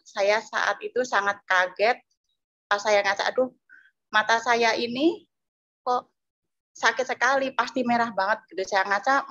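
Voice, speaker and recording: A woman's voice: medium pitch, a bit bright, no echo. A woman tells her testimony to a church women's gathering. She speaks plainly and hesitantly, with frequent fillers. The sound is dull and lo-fi, with a dry, close feel. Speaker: church member giving testimony. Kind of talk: personal testimony.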